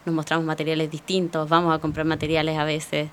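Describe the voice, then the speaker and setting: A Chilean-accented woman is a guest on a radio interview. Her voice sits fairly low and she tells her story with a lively flow. A soft hiss runs underneath. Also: quick pace. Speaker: guest artist. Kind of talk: interview answers.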